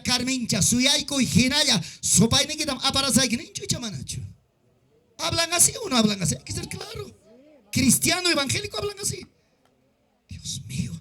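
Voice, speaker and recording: A male pastor preaching a sermon in a mix of Quechua and Andean Peruvian Spanish, with an Andean Peruvian accent, shouting at times, then dropping his voice low. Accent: Peruvian Andean Spanish mixed with Quechua.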